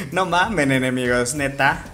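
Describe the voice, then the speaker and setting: A man with a Mexican Spanish accent giving live gameplay commentary as a streamer, jokey and profane, with sudden excited outbursts. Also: medium pitch, slow. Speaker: gaming streamer.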